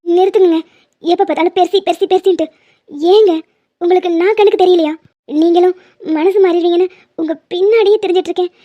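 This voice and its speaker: A woman's voice: extremely high pitch, steady tone, fast, pauses often, muffled recording. A woman voicing a young woman obsessed with love in a cartoon, pleading and insistent.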